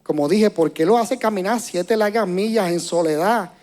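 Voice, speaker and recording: Man, pastor, church sermon, impassioned, hushed to loud, repeats words, soft music underneath. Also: sits high, normal speed. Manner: repeats words while searching for them. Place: church before a congregation.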